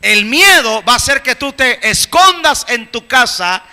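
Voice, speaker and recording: High-voiced preacher man in a hall. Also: animated, measured pace. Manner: emphatic, shouts at climaxes. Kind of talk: sermon. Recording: echoey hall.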